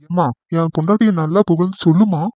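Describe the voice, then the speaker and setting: A man voicing an easygoing young husband in a cartoon comedy, mild and pleading as he tries to calm things down. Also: high voice, fast, no room sound, close to an everyday voice. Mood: placating. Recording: tinny phone-like sound.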